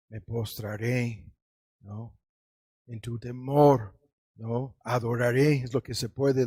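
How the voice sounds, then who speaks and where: A male pastor preaching a sermon, often tagging phrases with a rhetorical question and swinging between emphatic high lines and soft low ones. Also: dry recording, studio quality.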